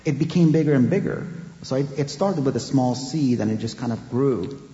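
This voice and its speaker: A man's voice: mid-range voice, moderate pace, warm tone. A man who grew up in Afghanistan, speaking as an author being interviewed, thoughtful and hesitant with many fillers and restarts. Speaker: author, guest. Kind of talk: interview conversation. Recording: roomy, dull with long reverb.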